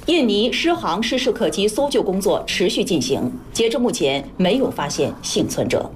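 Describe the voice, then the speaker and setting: A woman with a standard mainland Mandarin accent reading scripted news as a formal, measured anchor. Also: medium pitch, sing-song, slight background noise.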